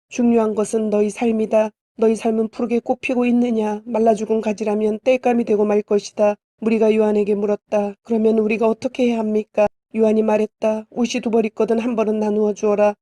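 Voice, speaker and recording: A woman giving a steady, measured reading of scripture. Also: a little high, dry recording, studio quality. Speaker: Bible reader.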